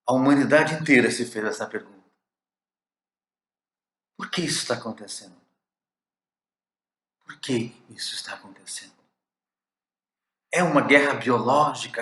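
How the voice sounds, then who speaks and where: A man with a Brazilian Portuguese accent giving a spiritist lecture, slow and emphatic, with dramatic pauses and soft drops. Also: mid-range voice, roomy sound.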